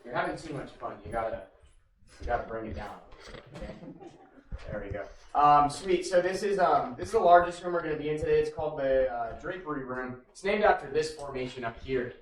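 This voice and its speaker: A man's voice: mid-range voice, a little fast, slight background noise. Echoing cave guide, casual man. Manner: casual, joking. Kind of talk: informal guided tour talk. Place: inside a large cave.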